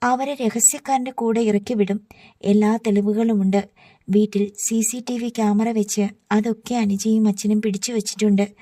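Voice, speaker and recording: A devoted older sister in a storybook, earnest and close to tears, as a woman narrator reads her part. The delivery is flat and steady, with a warm, mellow tone. It sounds dry and close. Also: medium pitch, moderate pace, dry recording, lightly acted. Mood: serious. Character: young woman, grieving loving older sister.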